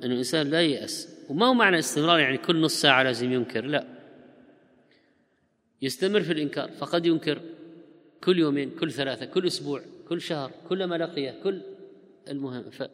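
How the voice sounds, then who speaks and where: A man's voice: fairly high pitch, fairly bright tone, long reverb tail. Man giving a religious Q&A lecture. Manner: reads listeners' questions fast, then explains at length. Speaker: religious scholar answering questions.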